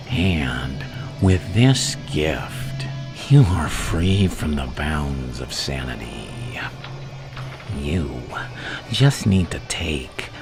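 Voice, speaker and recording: Heavily acting in a bass voice, a man voices a seductive, gleefully threatening lunatic villain for ASMR roleplay. He taunts and teases, gravelly and breathy, frequently sinking into a whisper.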